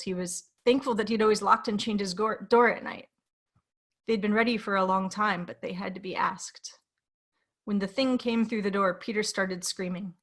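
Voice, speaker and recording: A woman reading a short story aloud as a guest reader, with expressive, measured narration. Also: mid-range voice.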